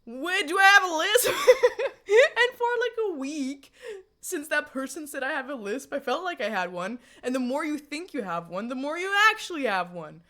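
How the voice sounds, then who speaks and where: A woman in her twenties streams live from a room at home, speaking into a USB condenser desk mic in a high voice at normal speed. She replies casually to viewer chat, giggly, jokey, and animated, and laughs often.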